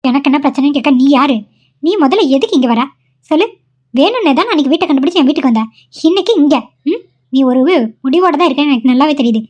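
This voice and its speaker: A woman's voice: high-pitched, lively intonation, fast, a little mellow. A woman voicing a stern, short-tempered young mother in a cartoon, speaking harshly and scolding. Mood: angry. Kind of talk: cartoon voice acting. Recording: dull lo-fi recording.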